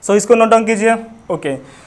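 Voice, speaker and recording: High-voiced Indian man teaching physics. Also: moderate pace. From Maharashtra, India. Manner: addresses students as friends, mixes English into Hindi, asks and answers himself. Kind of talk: whiteboard physics lesson.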